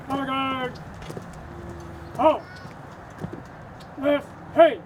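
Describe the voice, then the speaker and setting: Man color guard commander, high calls, very slow drawn-out commands, heard from afar. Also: slight background noise, low-quality recording. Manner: clipped, drawn-out barked commands. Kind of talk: drill commands. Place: outdoors.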